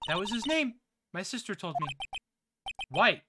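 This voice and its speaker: A performer voicing a gentle, sorrowful young woman in a video game, trusting and vulnerable. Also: medium pitch, sing-song, unhurried, heavy background noise. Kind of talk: dramatic video game read-aloud with character voices.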